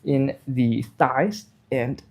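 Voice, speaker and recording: A man with a mild cold, a little sniffly and slightly nasal, casually coaches a live stretching session step by step as a fitness instructor and livestream host. His mid-range voice is creaky and he draws out his words.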